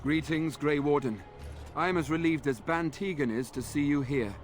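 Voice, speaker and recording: An actor playing an earnest, weary knight in a video game, speaking in formal, courtly phrases. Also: male voice, on the high side, moderate pace, soft background music, close to an everyday voice. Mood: solemn. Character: earnest knight sworn to a noble lord, weary and dutiful. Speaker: game character.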